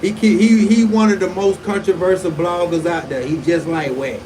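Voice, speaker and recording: A man in his forties rambling through a casual livestream, his voice sitting a little high for a man. He talks in loose, profane slang, often restarting his sentences mid-thought. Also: fairly even intonation, normal speed, a little mellow, slight background noise, low-quality recording. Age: 40s. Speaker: livestream host.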